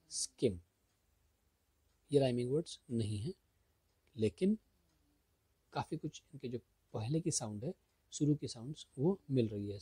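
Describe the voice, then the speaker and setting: A man explains a school English lesson at an unhurried pace. His voice is husky and mellow, and the recording is dry and close. He asks his students questions and then answers them himself. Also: medium pitch, no room sound. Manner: reads English lines slowly, then explains in Hindi. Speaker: English teacher. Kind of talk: explaining a school textbook chapter.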